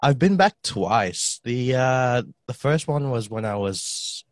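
A man's voice: medium pitch, lively intonation, slow pace, no room sound. A man, a podcast guest talking casually and rambling with many fillers. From Australia. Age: 20s. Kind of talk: casual conversation.

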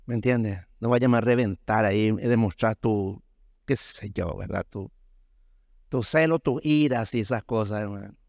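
A male pastor preaching a sermon, often calling his listeners "brother" and asking them "right?", his pitch swinging sharply up and down. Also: measured pace, gravelly, darkish tone, no room sound, clean studio sound. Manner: preaching with sudden rises and drops in pitch, many rhetorical tag questions.

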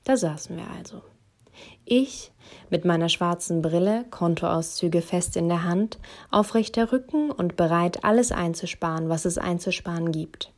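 A woman's voice: fairly low pitch, normal speed, a little mellow. A woman reading a first-person story aloud in a wry, teasing way. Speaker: narrator.

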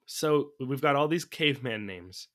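A man's voice: medium pitch, expressive, normal speed, a bit bright. A man chatting casually about a movie as a podcast co-host, thinking aloud from his notes and laughing often. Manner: laughs often while talking.

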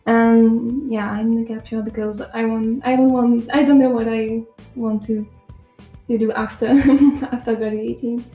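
A woman's voice: fairly high pitch, fairly even intonation, measured pace, muffled recording. A woman in her early twenties from France, with a French accent, answering casually and hesitantly as a radio guest. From south of France. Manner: hesitant, searching for words. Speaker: volunteer guest on a radio show. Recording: roomy echo, faint music behind.

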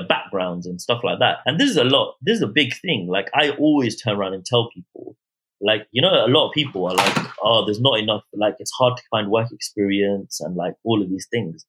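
Bright-voiced south London man, slangy storyteller. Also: on the low side, rough recording. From Croydon, south London, England. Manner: animated slangy storytelling with tag questions like innit and yeah. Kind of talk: casual anecdotal chat.

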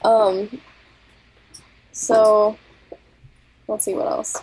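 Female podcast co-host, husky and breathy, candid and self-conscious, laughs a lot. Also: mid-range voice, little pitch movement, drawn-out words, a little mellow, low-quality recording. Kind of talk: casual chat.

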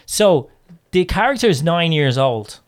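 A middle-aged Irish woman hosting a relaxed chat, her voice sitting low for a woman yet swinging widely up and down. She is playful and encouraging, firing off quick questions. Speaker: host interviewing a child about books. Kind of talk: casual chat.

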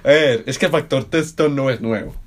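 A young adult man with a Colombian accent, co-hosting a casual podcast chat, slangy and quick to laugh. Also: mid-range voice. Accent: Colombian Spanish. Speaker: podcast co-host.

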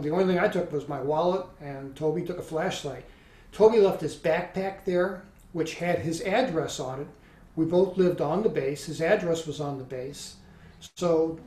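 A middle-aged man recounting a past experience in a halting, conversational way, with many restarts. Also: high-pitched, darkish tone. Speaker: interview guest recounting experience. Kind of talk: conversational storytelling. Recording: roomy, distant from mic.

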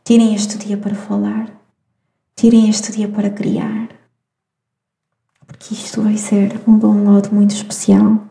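A woman with a European Portuguese accent gives a spiritual astrology talk in a slow, reflective, soft-spoken way. Her voice is deeply mellow and dark, with little rise and fall. The room around her carries a clear echo. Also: completely flat delivery. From Madeira, Portugal. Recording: echoey room.

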